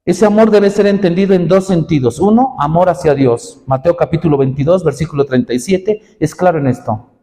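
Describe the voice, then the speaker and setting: A man preaching a sermon to young people, impassioned and rising in pitch for emphasis. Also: a little fast, mellow, long reverb tail. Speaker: pastor. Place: church.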